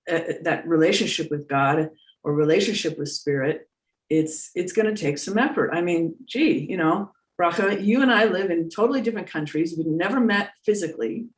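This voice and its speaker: Middle-aged woman talking earnestly, echoey room. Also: on the low side. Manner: earnest, emphatic, informal. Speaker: spiritual teacher and medium answering questions. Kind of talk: casual, conversational spiritual talk. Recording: echoey room, distant mic on internet call.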